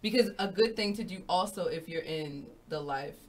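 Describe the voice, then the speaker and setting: A woman's voice: on the low side, normal speed. A woman hosting a radio talk show, chatting frankly and swearing casually.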